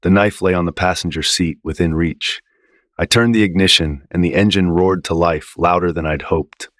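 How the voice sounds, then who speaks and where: A man reading a first-person horror story in a low, tense storytelling manner. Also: steady tone, moderate pace, a bit bright, no echo, clean studio sound. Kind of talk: scripted first-person narration.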